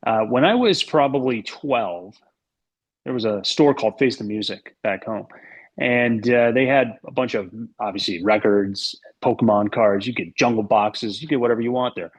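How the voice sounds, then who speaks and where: A man's voice: lowish voice, moderate pace, husky. Jokey man in his thirties, chatting sports. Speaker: recurring podcast guest. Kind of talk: casual sports chat, anecdotes.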